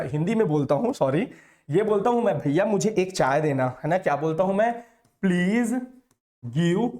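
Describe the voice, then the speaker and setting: A man's voice: high-pitched, darkish tone. A male teacher giving a grammar lesson, who keeps asking rhetorical questions and answering them himself with emphasis. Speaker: English teacher.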